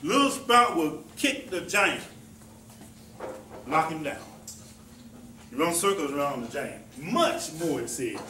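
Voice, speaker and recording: A man's voice: on the high side, very animated, takes it slowly, pauses often, pushed and bright, a little hiss or hum. A man giving an informal talk on herbs to a small audience, folksy and repetitive, often asking the listeners questions. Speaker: presenter teaching about herbs. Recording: echoey room, voice heard from a distance.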